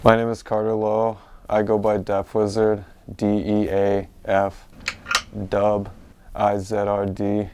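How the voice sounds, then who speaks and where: Slow, flat-voiced young musician from Manitoba. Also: male voice, on the low side, slight background noise. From Manitoba, Canada. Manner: slow, flat delivery with many fillers. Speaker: musician and beatmaker. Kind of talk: casual interview. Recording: music playing underneath.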